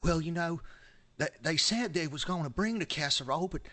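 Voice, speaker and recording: A man's voice: on the high side, animated, a little fast, bright, forceful tone, pitched above the performer's own voice. A man putting on the voice of a gossipy male Methodist music minister from the American South. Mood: fussing.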